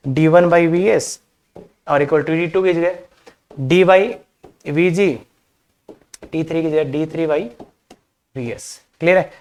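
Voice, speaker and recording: A man's voice: fairly high pitch, darkish tone. A man teaching a maths class, chatty, mixing English terms into his talk and calling the students kids. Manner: addresses students as kids, asks rhetorical questions. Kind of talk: classroom lecture on coordinate geometry.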